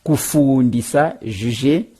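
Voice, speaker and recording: Male language teacher, mellow voice, slow and deliberate. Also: medium pitch, breathy edge. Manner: slow, deliberate, repeats each word then its meaning. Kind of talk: spoken vocabulary lesson.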